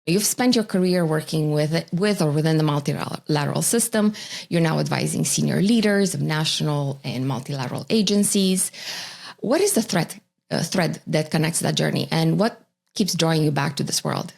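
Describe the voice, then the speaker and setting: Casting note: woman podcast host, very low pitch, gravelly fry, measured read-aloud delivery. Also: a little mellow. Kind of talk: scripted introduction and interview questions.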